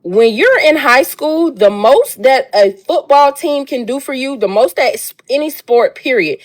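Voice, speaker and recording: A woman's voice: high voice, expressive, measured pace. A woman in an impassioned opinion rant, emphatic and exasperated, hammering her points with repetition.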